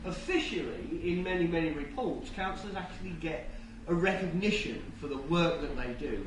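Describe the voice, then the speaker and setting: Echoey, rushed male lightning-talk speaker. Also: fairly high pitch. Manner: halting, with stammered word repeats. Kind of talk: live public presentation with wry asides. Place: indoor event room with an audience. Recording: echoey noisy room, distant mic.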